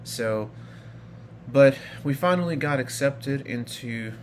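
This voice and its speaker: A man's voice: medium pitch, slow pace, a little hiss or hum. A man in his thirties from Iraq, casually telling his personal story in a rambling way, full of fillers and restarts. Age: 30s. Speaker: vlogger.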